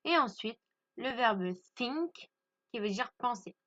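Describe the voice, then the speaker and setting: A woman's voice: a little high, lively intonation, slow, pushed and bright, dull audio. A woman from France teaching English grammar to French speakers, patiently stressing pronunciation and repeating each point.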